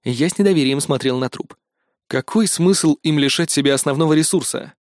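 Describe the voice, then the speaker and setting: Man, audiobook narrator, ironic storytelling, slightly high voice, dry sound. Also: fairly quick, darkish tone, no room sound. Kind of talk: audiobook reading.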